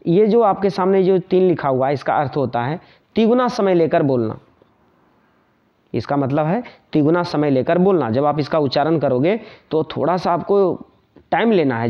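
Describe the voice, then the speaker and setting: A male teacher explaining a grammar lesson, repeating points and often checking in with the students. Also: on the high side. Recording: dull lo-fi sound.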